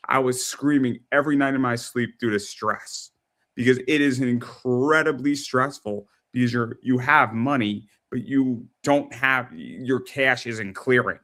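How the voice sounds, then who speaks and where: A man in his thirties hosting a casual interview, who often repeats words in quick, excited bursts. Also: mid-range voice. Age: 30s. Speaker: host.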